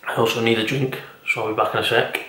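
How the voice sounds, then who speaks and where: A young man vlogs from home in an echoey room, talking casually and at length, rambling off on tangents and poking fun at himself. His mid-range voice is fairly bright, and he speaks fast with a flat delivery.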